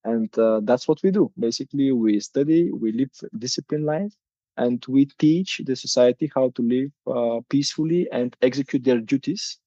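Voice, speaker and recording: A Bulgarian-accented man in his thirties speaks hesitant, non-native English with a soft, mellow tone. The sound is dry and a little dull, like a lo-fi recording. His pitch sits in an ordinary middle range. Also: normal speed, no echo. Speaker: guest, coach. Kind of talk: casual interview talk.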